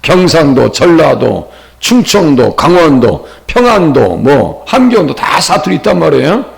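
A man's voice: a little high, big pitch swings, unhurried, gravelly. A middle-aged male pastor with a Chungcheong accent, preaching conversationally and asking his listeners questions. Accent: Chungcheong Korean. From Chungcheong, Korea. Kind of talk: sermon.

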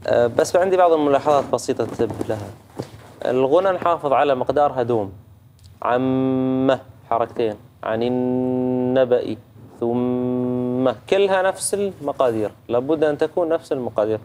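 Speaking at medium pitch and a fast clip, this man has a slightly mellow tone, and a little hiss or hum sits in the background. He is a Quran recitation judge with a Gulf Arabic accent, patiently correcting a reciter on tajweed rules while demonstrating sounds and checking in frequently.

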